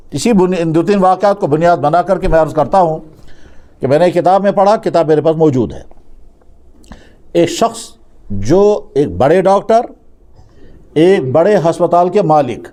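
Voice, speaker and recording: High-voiced man telling a sermon story. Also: expressive, long pauses, mellow. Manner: retells a story, acting out its dialogue; speaks with conversational restarts. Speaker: preacher.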